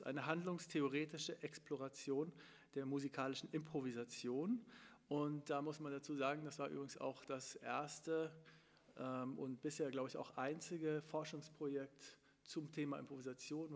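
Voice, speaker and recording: A man's voice: mid-range voice, gravelly. Middle-aged man, moderator, hesitant with fillers, stand mic, long hall reverb. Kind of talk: live talk introduction and interview. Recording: long room reverb, from far camera.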